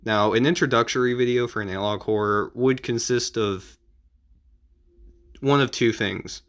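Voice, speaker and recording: In a mid-range, slightly bright voice, a man offers casual tips as an amateur video creator. He explains informally, stopping and starting and repeating himself.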